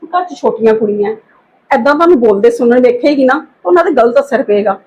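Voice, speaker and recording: High-voiced woman, calm and pleading. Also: a little fast, husky, highs cut off. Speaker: aunt in a family skit. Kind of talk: acted family drama dialogue.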